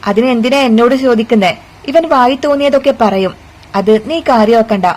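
A woman voicing a scornful, sharp-tongued middle-aged mother-in-law who taunts and accuses. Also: fairly high pitch, normal speed, close to an everyday voice, poor audio. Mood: dismissive.

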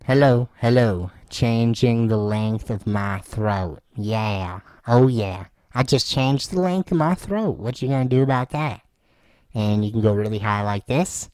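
A man's voice: measured pace, a little mellow, clean tone, no room sound. A man talking through a throat-modeling plugin effect, playfully showing it off. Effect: pitch-shifted throat-modeling plugin.

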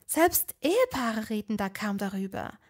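A woman's voice: on the high side, sing-song, moderate pace. A woman voicing an earnest, clever young witch in a fan audio drama. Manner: earnest, explaining, easily indignant.

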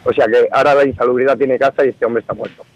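A man's voice: medium pitch, fairly even intonation, racing. A man calling into a radio talk show over the phone, speaking with indignation and accusation. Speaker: radio caller. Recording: muffled dry phone line.

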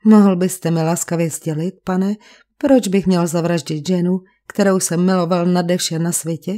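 A woman's voice: fairly low pitch, warm tone, natural voice. A woman reading the lines of a frail, refined male painter of about thirty who speaks with cultured resignation, in an audiobook. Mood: resigned, cultured.

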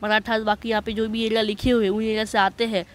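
A man walking viewers through a job notice in a voice-over on a screen recording. He talks in a chatty way, keeps checking that listeners follow, and reads English passages slowly. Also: high voice, little pitch movement. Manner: chatty, repeats "okay" to check understanding. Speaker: online job-notice explainer.

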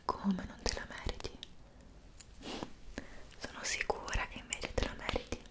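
A young woman voicing a kind, motherly Mrs Claus in an ASMR roleplay, whispering up close and coaxing with gentle questions. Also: measured pace, natural voice. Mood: caring. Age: young adult. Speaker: ASMR creator. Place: indoor room decorated for Christmas.

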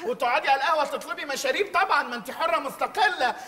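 A man's voice: extremely high pitch, rapid-fire. An actor playing a mocking, paranoid male café worker in a live Egyptian stage comedy, ranting and accusing. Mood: sarcastic. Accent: Egyptian Arabic. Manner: sarcastic, escalating accusations, shouting rants. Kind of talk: live stage sketch acting. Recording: live theater stage, long reverb, audience.

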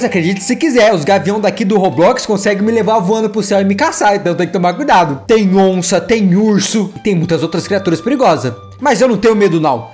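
Dude doing playful game commentary, voice bouncing all over, faint music behind. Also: male voice, high-pitched. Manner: playful, excitable, full of exclamations. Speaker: gaming YouTuber. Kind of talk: casual gameplay commentary.

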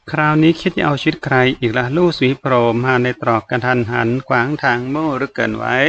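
A man reading a fantasy novel aloud as an audiobook narrator, in an even, unhurried storytelling manner. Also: medium pitch, vocal fry, dull audio, a little hiss or hum.

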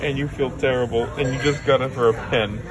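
A man's voice: mid-range voice, fairly even intonation, a little fast, crowd noise. A man vlogging a road trip from inside a car, making offhand, brief remarks. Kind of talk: casual road-trip chat. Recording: distant phone audio, loud music.

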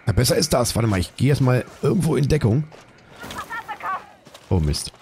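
A man commenting on his own gameplay, excitable, swearing and repeating panicked exclamations. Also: medium pitch, normal speed, vocal fry, noisy background. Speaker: let's play gamer.

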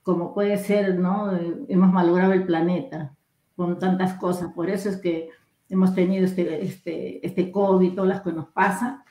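Older woman from Peru, guest writer, warm mellow tone, echoey room; acts out her dialogue. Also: on the low side, normal speed. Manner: retells her story with lively acted dialogue and laughs. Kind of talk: casual storytelling interview.

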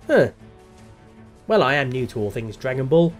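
Wry man with lively, swinging intonation. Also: mid-range voice, moderate pace, faint music behind. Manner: wry, sardonic. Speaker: host of a gaming commentary show. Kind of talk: scripted comic commentary.

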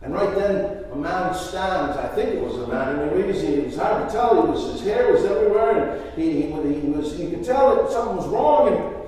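High-voiced dramatic preacher in an echoey hall. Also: male voice, animated, normal speed. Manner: dramatic, with sweeping swings in loudness. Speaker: pastor. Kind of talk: first-person storytelling sermon. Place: large church. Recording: echoey church hall from far off.

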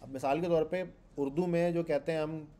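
A man with a Pakistani Urdu accent lectures a class on programming, his voice pitched a little high yet dark and mellow in tone. He talks conversationally, asking his students questions and going back over each point. The delivery is that of a teacher in front of a live room. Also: steady tone, fairly quick. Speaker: programming instructor.

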